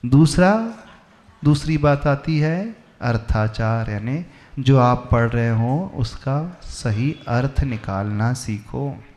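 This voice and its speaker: A man's voice: mid-range voice, expressive, slow, darkish tone. A man, a monk, giving a sermon and teaching with emphatic rhetorical questions. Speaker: Jain monk preacher.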